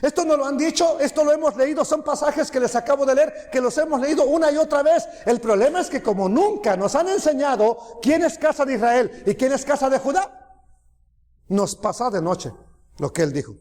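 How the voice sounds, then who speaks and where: Male preacher, lively sermon delivery, higher voice, reverberant church hall. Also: moderate pace. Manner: animated, rising to loud cries when quoting, dropping low for asides.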